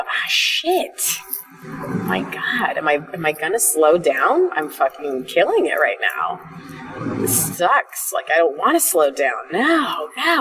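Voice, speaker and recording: A woman in her thirties talks through her own podcast in a loose, animated way, cursing casually and laughing between thoughts. Her voice sits on the lower side for a woman. She sounds a little set back from the microphone. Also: distant mic, poor audio. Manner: chatty and animated, swears freely, laughs often, acts out her own reactions. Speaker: podcast host, life coach. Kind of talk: casual solo podcast monologue.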